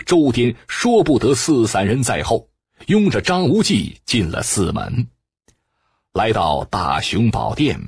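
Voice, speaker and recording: A man narrating a martial arts novel as an audiobook, in an expressive reading style. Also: mid-range voice, breathy edge, no echo, studio quality.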